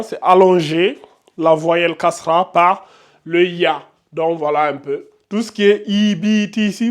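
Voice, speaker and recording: A man with a fairly high voice teaches Arabic pronunciation for Quran reading. He talks slowly and stretches each letter sound out so learners can copy it. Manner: slow, drawn-out demonstration of letter sounds.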